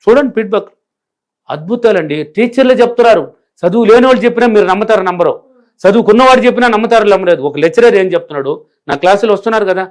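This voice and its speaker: A man's voice: sits high, very fast. A middle-aged man from a rural village, answering interview questions as a spiritual teacher in an emphatic, repetitive way that drives each point home. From rural India.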